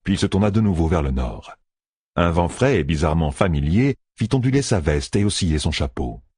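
A man reading a fantasy audiobook in a measured, expressive storytelling voice. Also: deep voice, breathy edge, no room sound, studio quality. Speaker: audiobook narrator. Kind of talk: scripted fantasy audiobook narration.

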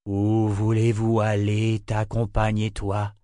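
A man voicing a stubborn creature of liquid silver that speaks slowly and flatly. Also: lowish voice, no echo, clean studio sound. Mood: impassive. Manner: slow, measured, flat.

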